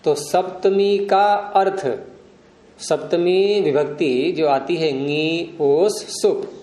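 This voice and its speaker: A man's voice: fairly high pitch, very slow, mellow, echoey room. A man teaching Sanskrit grammar in a classroom lecture, patiently explaining and quizzing his students.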